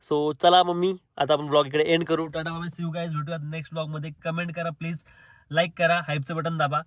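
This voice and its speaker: A man's voice: a little high, level tone, brisk. Chatty young Marathi man vlogging. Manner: chatty, teasing, addresses viewers as guys. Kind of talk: casual family vlog.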